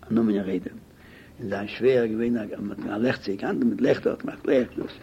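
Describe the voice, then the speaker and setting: Older male interviewee, gravelly voice, rushed broken phrases, muffled hissy tape. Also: lowish voice. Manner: halting, fragmented, repeats words. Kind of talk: oral history interview. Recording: muffled lo-fi tape with loud hiss.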